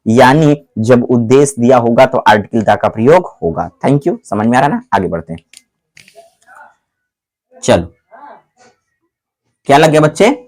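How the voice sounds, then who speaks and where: A man's voice: medium pitch, darkish tone. Man teaching grammar, always checking understanding. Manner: keeps asking the pupils whether they understand; slows right down to read English examples aloud. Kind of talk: classroom-style grammar lesson.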